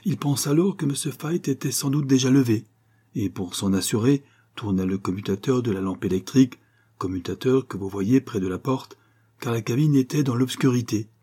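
A man's voice: mid-range voice, moderate pace, warm tone, husky, natural voice. A man voicing a dutiful male ship's purser who explains events matter-of-factly. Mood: reporting.

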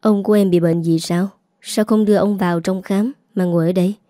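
Woman doing a kind stranger in his thirties, calm, gentle, mellow tone. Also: medium pitch, fairly quick, dry recording, studio quality, natural voice. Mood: concerned.

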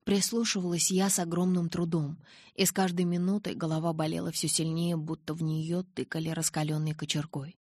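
A woman reading a novel aloud in a dramatic, intense way, with a husky voice. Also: on the low side, flat delivery, fairly quick, a little mellow, dry recording, studio quality. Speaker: audiobook reader. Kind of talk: scripted narration.

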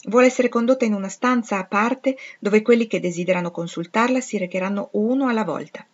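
A woman's voice: mid-range voice, brisk, voice pushed up, lightly acted. A reluctant, deferential manservant, read by a woman in a storybook, who reports his errands with polite hesitation. The recording sounds dull and muffled. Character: hesitant male household servant.

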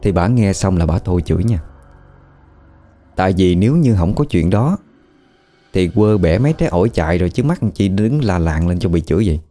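Low-voiced Southern Vietnamese man telling ghost stories. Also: lively intonation, brisk, mellow, faint music behind. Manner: colloquial, conversational retelling. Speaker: storyteller. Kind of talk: ghost story narration.

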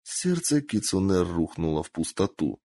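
A man narrating a dark fantasy audiobook in an expressive storytelling manner. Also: low voice, normal speed, slightly rough. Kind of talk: dramatic fiction narration.

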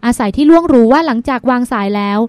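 A woman narrating a novel, reading in a steady, expressive way. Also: on the high side, fast talker, dry recording. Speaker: audiobook narrator. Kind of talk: scripted narration.

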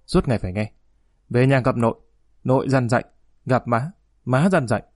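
A sulky grown son talks back quickly and defiantly, as a male audiobook narrator reads him. His voice sits at a middle pitch. The recording is close and dry. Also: darkish tone, dry recording, natural voice. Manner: defiant, rapid, whining.

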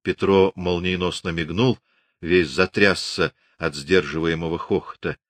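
A man narrating a classic novel in a measured, even reading. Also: low voice, no echo. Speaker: audiobook reader. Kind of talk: literary narration.

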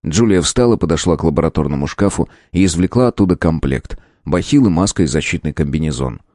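A man narrating an audiobook in an expressive storytelling manner. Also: very deep voice, fast, no room sound, clean studio sound.

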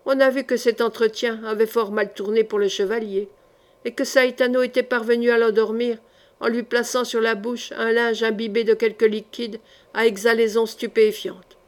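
A woman reading a historical novel aloud as an audiobook, with measured, expressive narration. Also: on the high side. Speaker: audiobook reader.

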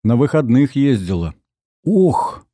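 A man's voice: mid-range voice, very animated, slow, mellow, no room sound, clean studio sound, voice pushed up. A man voicing a fussy, affectionate middle-aged mother in an audiobook, with doting, fretful exclamations. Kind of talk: audiobook character voice.

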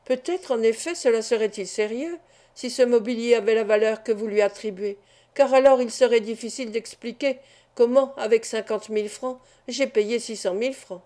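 A woman's voice: on the high side, moderate pace, dark tone, lightly acted. A woman voicing an accused man in an audiobook, protesting his innocence with growing desperation. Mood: indignant. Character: accused male clerk, indignant and desperate.

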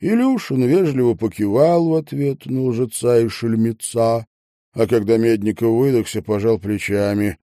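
A man's voice: medium pitch, normal speed, warm tone, no echo, clean studio sound. A man narrating an audiobook expressively, voicing every character himself.

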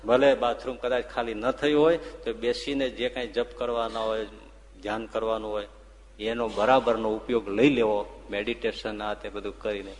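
A man, a swami, telling devotional stories in a sermon, moving between hushed passages and loud, ringing ones. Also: lowish voice, moderate pace, slight background noise. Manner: expressive, swings from hushed to loud. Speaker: swami preacher. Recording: long hall reverb.

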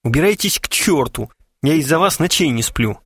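A shrill, panicky middle-aged man from a storybook reading, his voice jumping high and wild as he stammers. A male narrator puts him on. It sounds close and dry. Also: expressive, moderate pace, breathy edge, no room sound. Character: frightened nervous middle-aged man, whiny and tearful. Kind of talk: audiobook character voice.

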